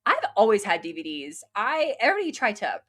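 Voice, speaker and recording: A woman's voice: mid-range voice, brisk. Bubbly young woman co-hosting a podcast. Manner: bubbly, giggly, animated storytelling. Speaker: podcast co-host. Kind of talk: casual chat.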